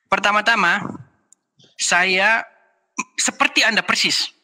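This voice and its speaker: Insistent high-voiced man debating. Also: slow pace, sharp tone, long reverb tail. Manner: insistent, repeats his questions. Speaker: online debater. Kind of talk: heated debate.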